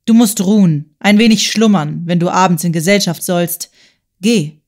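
A woman's voice: on the low side, normal speed, darkish tone, natural voice. A woman voicing a tormented, proud male writer in an audiobook, with an urgent, strained, insistent delivery. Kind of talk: audiobook character voice.

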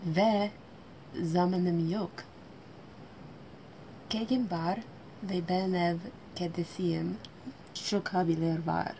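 A young American woman, a native English speaker, gives a casual vlog introduction in the halting, broken Turkish of a foreign learner. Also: fairly low pitch, fairly even intonation, a little hiss or hum. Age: young adult. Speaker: student vlogger. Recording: loud music under the voice.

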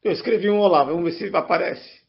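A man's voice: high voice, fast talker. A congested man with a Brazilian accent and a honking, duck-like nasal voice, chatting casually as a guest co-presenter on a livestream. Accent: Brazilian Portuguese. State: congested from an allergy. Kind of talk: casual live chat. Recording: dull, lo-fi online stream audio.

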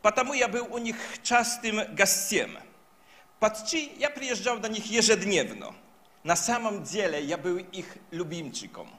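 A man in his fifties with a Polish accent, a native Polish speaker, preaching through personal stories in halting, imperfect speech on a handheld microphone. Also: sits high, animated, sharp tone. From Poland. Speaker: guest preacher. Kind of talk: sermon with personal storytelling. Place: stage in a church hall.

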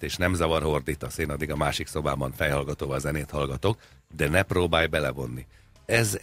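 A man with an extremely deep voice co-hosts a comedic radio chat. He rambles wryly, piling up absurd examples with plenty of pauses and fillers. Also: fairly bright tone. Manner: wry, rambling, absurd jokes, frequent hesitations. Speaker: radio show co-host. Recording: studio radio talk show.

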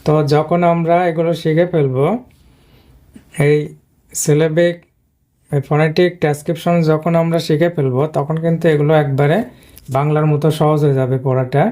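A male English teacher talks through a lesson on screen. He explains patiently and repeats himself often. His voice is mellow and dark, and it stays on an even, flat pitch. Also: moderate pace, pauses often. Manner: patient, repetitive explaining with frequent "but" fillers. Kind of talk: screen-based video lesson.

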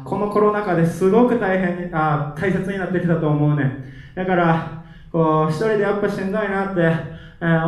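A man's voice: sits high, darkish tone. A young man with a Kansai accent, a band frontman talking loosely and earnestly to a concert crowd between songs. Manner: loose, earnest, chuckling asides. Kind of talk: onstage concert talk. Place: large live music hall. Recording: echoey live hall.

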